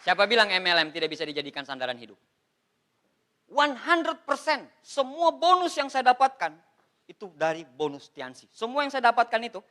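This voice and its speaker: A man from Indonesia in his thirties giving an animated, joking motivational seminar talk, addressing the audience as Pak. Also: high voice. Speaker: motivational speaker on MLM.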